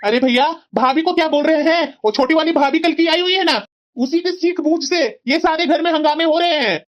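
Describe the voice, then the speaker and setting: A hot-headed younger brother-in-law from a cartoon family drama, voiced by a woman. The young man sounds high-pitched for a man and rattles off heated, accusing complaints. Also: moderate pace, highs cut off, close to an everyday voice.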